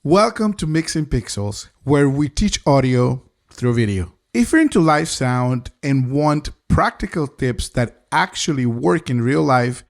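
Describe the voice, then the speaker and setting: Gravelly man narrating a sound tutorial. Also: mid-range voice, sing-song, measured pace, few pauses. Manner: upbeat, direct, talks to the viewer. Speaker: live sound engineer teaching mixing.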